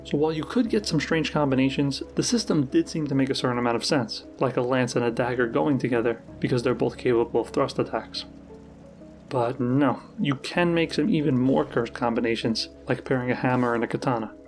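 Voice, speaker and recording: A man giving measured, explanatory scripted narration for a countdown-style video of game trivia. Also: medium pitch. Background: background music.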